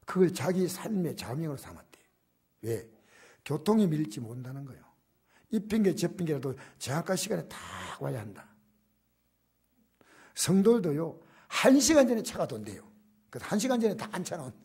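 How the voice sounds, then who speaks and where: Older male pastor for a church sermon; dark, husky voice, loud urging that drops to near-whispers. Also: on the high side, big pitch swings, a little fast, long pauses. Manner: shifts from loud emphatic exhortation to soft, near-whispered asides. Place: church sanctuary.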